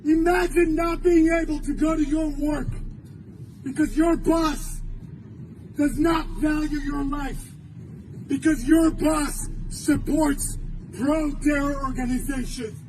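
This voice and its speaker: A man in his forties giving an emotional rally speech, shouting with forceful repetition. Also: very high-pitched, steady tone, slow pace, background noise. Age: 40s. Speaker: university employee speaking at a rally.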